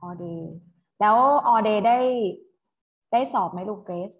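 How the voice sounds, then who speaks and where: A woman's voice: mid-range voice, slow pace. A woman teacher tutoring students through an English exam, patient and coaxing, reading English terms aloud and explaining them.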